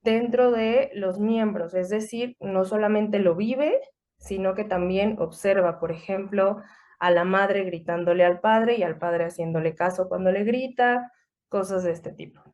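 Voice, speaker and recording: A woman explaining a clinical case in a measured way, with frequent fillers. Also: mid-range voice, a little mellow, highs cut off. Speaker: psychotherapist guest.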